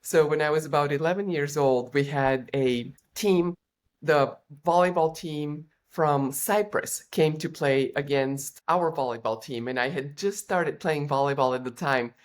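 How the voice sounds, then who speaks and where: A woman's voice: sits low, measured pace. A middle-aged woman from Bulgaria, a former Olympian and executive coach, telling her life story as a podcast guest in an earnest, reflective way. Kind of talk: interview storytelling.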